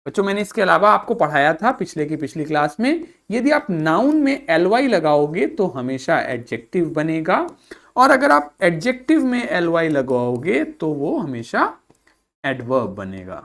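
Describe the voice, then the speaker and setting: Patient woman teacher with a lively voice. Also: low-pitched, normal speed. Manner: patient, repeats each point several times; spells words out letter by letter. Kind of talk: online vocabulary class for school children.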